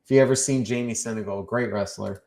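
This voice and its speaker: A man guest on a podcast, telling wrestling stories in casual chat and acting out his own shouted lines. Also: fairly low pitch, fairly even intonation, quick pace, vocal fry, reverberant, crowd noise.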